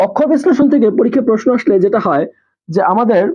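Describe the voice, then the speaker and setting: Male tutor, high voice, repeats and quizzes, muffled lo-fi audio. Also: animated, rapid-fire, darkish tone, slightly rough. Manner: repetitive, asks questions and answers them himself. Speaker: teacher. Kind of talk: live online exam-prep class.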